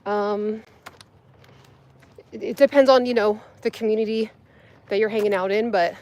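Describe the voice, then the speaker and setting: A woman's voice: medium pitch, steady tone, normal speed, darkish tone. A woman fitness vlogger chatting casually with live viewers while climbing a steep hill outdoors, breathing hard and full of fillers. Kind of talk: casual livestream chat while hiking.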